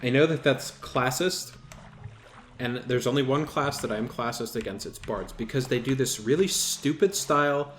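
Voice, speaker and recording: Man telling a gaming story, animated. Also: medium pitch, moderate pace, a little hiss or hum. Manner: animated, exasperated retelling with self-mockery. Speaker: gaming channel host. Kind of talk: casual storytelling over gameplay.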